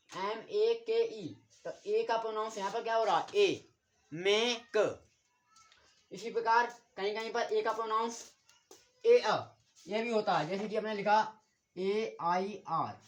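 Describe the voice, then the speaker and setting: A man from India teaching a basic online English lesson. He explains in an even classroom way, keeps pointing to the board, spells out words letter by letter and repeats each sound several times. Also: high-pitched.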